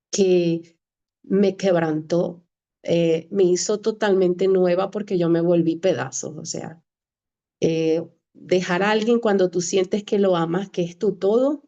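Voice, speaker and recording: A woman shares her personal faith testimony in an earnest, emotional way, acting out the conversations she recounts. Her voice sits low and mellow. The recording sounds dull and lo-fi. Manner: earnest, emotional, re-enacts dialogue. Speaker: testimony speaker.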